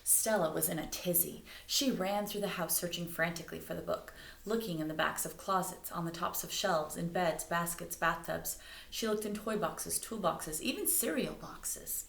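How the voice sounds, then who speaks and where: In a lowish, gravelly, slightly bright voice at normal speed, a woman gives an animated reading of a storybook to children. She breaks off to put questions to them. It's recorded in an echoey room.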